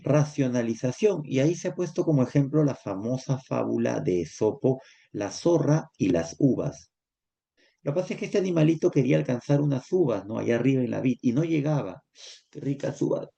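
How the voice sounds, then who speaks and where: A male psychology teacher with a Peruvian Spanish accent, lecturing lively and acting out little dialogues in character voices. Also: mid-range voice, a little fast, creaky, slightly rough, dull audio. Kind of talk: lecture with acted examples.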